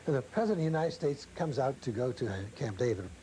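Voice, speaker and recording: A man's voice: medium pitch, animated, fast talker, dark tone, slight background noise, low-quality recording. An older man, a veteran photographer, telling stories animatedly in a news interview, laughing often. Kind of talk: interview answers.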